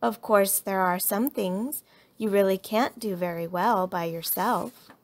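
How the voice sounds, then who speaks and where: Storybook mama bear, read by a woman: calm, measured, gently teasing, patient reasoning. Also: medium pitch, close to an everyday voice. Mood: gentle reasoning.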